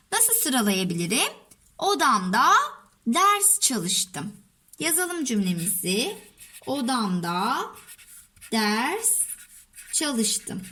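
A woman's voice: high-pitched, bright, forceful tone. A woman teacher taking young children through a workbook exercise, patient, stressing each word one at a time. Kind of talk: first-grade lesson explaining a workbook.

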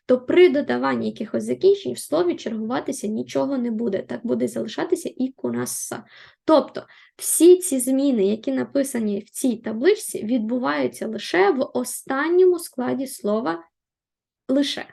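Woman, language teacher, high voice, creaky, patient, repeats rules, slow on examples. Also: warm tone. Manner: slows to spell out example words. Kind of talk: explaining Finnish grammar.

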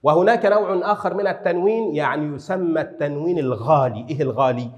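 A man's voice: on the high side, darkish tone, highs cut off. Man lecturing in an echoey hall. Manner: explanatory, recites poetry slowly, mixes formal Arabic with Egyptian colloquial asides. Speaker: Arabic language lecturer. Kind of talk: classroom-style lecture on grammar. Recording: echoey hall with long reverb.

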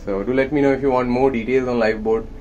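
A man's voice: mid-range voice, steady tone, fast, darkish tone, lo-fi sound, a little hiss or hum. A young man touring a lifeboat for his vlog, explaining plainly while filming on his phone, with Hindi mixed into his English. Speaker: merchant navy officer vlogger. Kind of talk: casual guided tour vlog. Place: inside a ship's lifeboat. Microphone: handheld phone.

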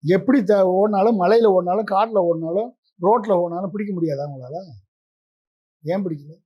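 A man's voice: sits high, normal speed, lo-fi sound. A man giving a political interview as the guest, pressing his case with a stream of combative rhetorical questions.

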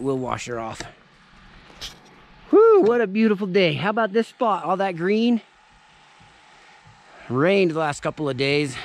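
A man in his thirties casually demonstrating camping gear outdoors, chatting to viewers in a relaxed way. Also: on the high side. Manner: relaxed, chatty, addresses viewers as "you guys". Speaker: vlogger showing camping gear. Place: forest clearing outdoors. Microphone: camera on a tripod and handheld selfie camera.

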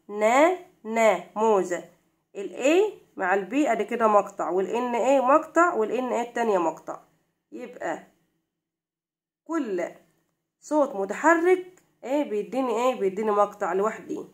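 A young woman with an Egyptian Arabic accent teaching a primary-school English lesson. She reads English slowly, translates it and keeps asking questions. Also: mid-range voice.

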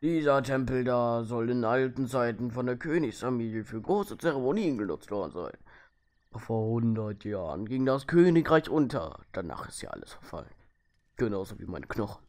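A man's voice: medium pitch, lively intonation, moderate pace, darkish tone, voice pushed down, close to an everyday voice. Man putting on a grumpy old hermit. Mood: world-weary. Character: grumpy old male hermit, teasing and world-weary. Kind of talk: dramatised reading of game dialogue.

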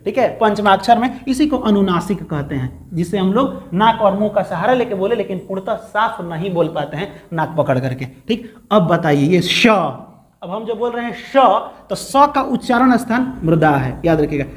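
A man's voice: high-pitched, lively intonation, normal speed. A male teacher, giving a step-by-step grammar lesson to students and answering his own questions as he goes. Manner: explains step by step, asks questions and answers them.

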